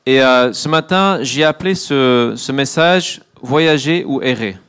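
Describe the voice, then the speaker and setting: A man interpreting a sermon line by line and reading scripture, quick and fluent. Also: medium pitch, a bit bright, clear, resonant tone. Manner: quick, fluent rendering with brief fillers.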